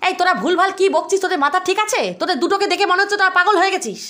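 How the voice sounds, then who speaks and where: A woman's voice: very high voice, racing, pushed and bright. A woman playing a nosy mother who scolds and questions her two children in a comedy sketch. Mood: scolding.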